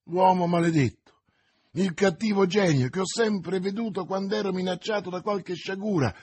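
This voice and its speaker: D'Artagnan, as a man reads him, high and urgent. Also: moderate pace, darkish tone, slightly rough. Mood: agitated. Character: young hot-headed male swordsman, agitated.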